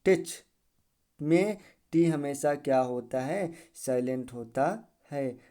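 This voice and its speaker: A man giving an English pronunciation lesson. He keeps repeating words and asking the viewer quick questions. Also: a little high, mellow. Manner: drills each word over and over. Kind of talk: classroom-style video lesson.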